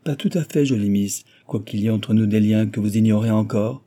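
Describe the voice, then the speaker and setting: A man's voice: lowish voice, a little fast, warm tone, lightly acted. A man voicing a scheming villainous suitor who speaks with mocking courtesy and a threat behind it. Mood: ironic. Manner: mocking, oily courtesy, grinding his teeth.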